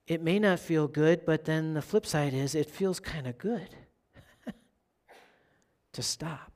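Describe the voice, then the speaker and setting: Speaking slowly in a medium-pitched, darkish voice, a pastor gives a conversational sermon. He frequently poses questions to his listeners and checks in with "right?".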